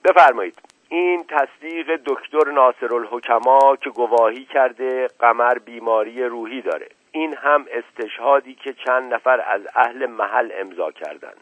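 A man voicing an enraged, bandaged middle-aged man who shouts indignantly, heard on a tinny, dry radio recording. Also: mid-range voice, dry recording, natural voice. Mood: furious.

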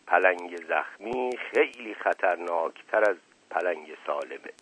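A man's voice: low-pitched, expressive, a bit bright, breathy edge, voice pushed down, heavily acted. Wry, needling relative, read by a man. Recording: dry, tinny lo-fi radio recording.

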